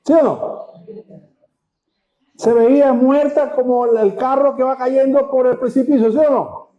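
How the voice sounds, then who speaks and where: A pastor preaching a sermon, retelling scripture dramatically and firing rhetorical questions at the congregation. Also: male voice, extremely high pitch, fairly even intonation, a little slow. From Venezuela. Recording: dull lo-fi sound.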